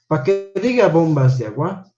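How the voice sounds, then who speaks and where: A man's voice: a little high, sing-song, moderate pace, mellow, lo-fi sound, soft background music. A man teaching an English class online, patiently correcting homework and checking in with "¿no?" after each point.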